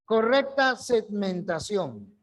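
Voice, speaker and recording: Slow, methodical male language teacher. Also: high-pitched, sing-song. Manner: repeats key rules, checks understanding with short questions. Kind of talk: online class lecture.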